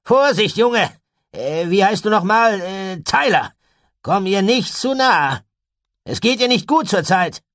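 A man's voice: mid-range voice, very animated, takes it slowly, husky, no echo, clean studio sound, pitched above the performer's own voice, full character voice. A man reading an audiobook, voicing a stern, secretive uncle who commands in a raised voice. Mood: urgent warning.

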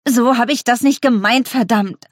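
A woman's voice: on the high side, normal speed, dry recording, clean studio sound, pitched above the performer's own voice, close to an everyday voice. A woman doing a strained defiant teen daughter. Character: defiant teenage daughter holding back tears.

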